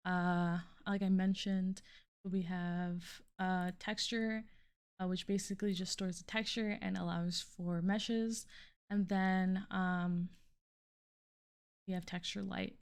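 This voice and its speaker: A young adult woman, a student, gives an informal, halting walkthrough of a programming project, thinking aloud as she goes and sometimes trailing off. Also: on the low side. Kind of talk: informal screen-recorded code walkthrough.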